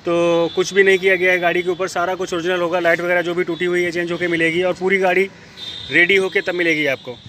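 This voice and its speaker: A man runs a brisk sales pitch on an outdoor car lot, his voice bright and fairly high. He speaks in a flat, repetitive patter into a handheld phone, with faint street noise behind him. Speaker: used car dealer. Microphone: handheld phone camera.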